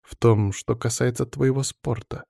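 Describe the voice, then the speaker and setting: A man's voice: mid-range voice, fairly even intonation, measured pace, vocal fry, warm tone, dry recording, studio quality. Man voicing a reproachful estranged wife. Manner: reproachful, probing. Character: sharp-tongued educated young woman, estranged wife. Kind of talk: audiobook reading.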